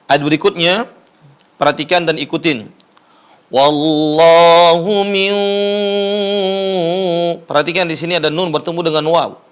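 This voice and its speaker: A man with an Indonesian accent, teaching Quran recitation slowly and patiently, repeating sounds for viewers to copy. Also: on the high side, steady tone, fairly bright tone. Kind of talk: Quran recitation lesson with chanted verses. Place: studio.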